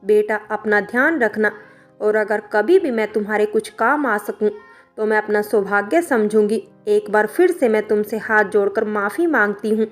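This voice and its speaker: A woman's voice: mid-range voice, moderate pace, soft background music, natural voice. A woman voicing a middle-aged mother who scolds her daughter firmly and reproachfully. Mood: remorseful. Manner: firm, reproachful.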